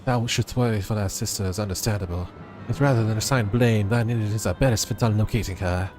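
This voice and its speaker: A man's voice: on the low side, fairly quick, pitched below the performer's own voice, lightly acted. A man voicing a stately male noble who speaks in old-fashioned, formal phrasing, with game music underneath. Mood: solemn.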